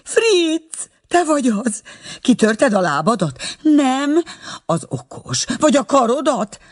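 A reader voicing an excitable elderly mother who exclaims in a high, flustered voice on a telephone call in an audiobook. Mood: excited.

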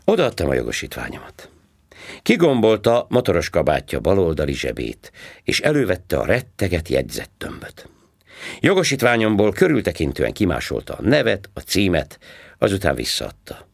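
A man reading a story aloud in a calm, low, unhurried way. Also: creaky, breathy edge, no room sound, clean studio sound. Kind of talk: audiobook narration.

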